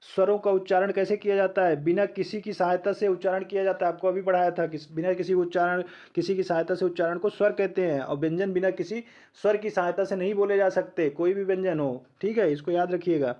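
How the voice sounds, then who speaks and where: A man's voice: high voice, steady tone, brisk, darkish tone, lo-fi sound. A man teaching an exam-prep lecture, asking learners questions and answering them himself, sounding out letters one by one.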